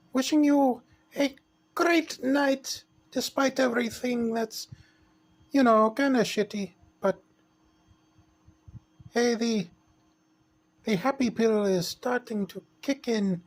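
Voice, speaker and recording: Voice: slow, pauses often. Someone putting on a sweet sing-song princess. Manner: high, sing-song, blowing kisses. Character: cheerful female princess, sweet, playful. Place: hospital room.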